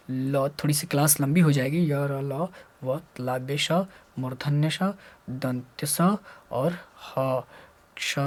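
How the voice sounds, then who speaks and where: Male Hindi teacher drilling letter sounds. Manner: repeats sounds aloud, asks and answers own questions; jumps between loud drilled syllables and low muttering. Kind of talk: explaining lesson to students.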